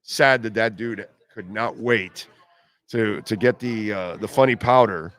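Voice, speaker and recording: A man's voice: fairly low pitch, unhurried, fairly bright tone. A man hosting a radio show, giving informal, wry sports-talk commentary in a conversational way.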